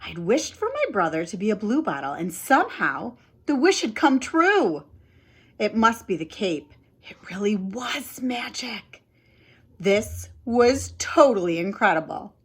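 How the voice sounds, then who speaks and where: A woman reading a children's chapter book aloud with animated, dramatic expression. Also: mid-range voice, breathy edge. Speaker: storybook reader. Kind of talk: expressive read-aloud narration.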